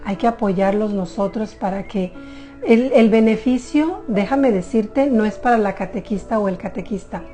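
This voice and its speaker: A woman, a mother giving an earnest personal testimony on religious radio, telling her story haltingly with frequent restarts. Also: medium pitch, warm tone, soft background music.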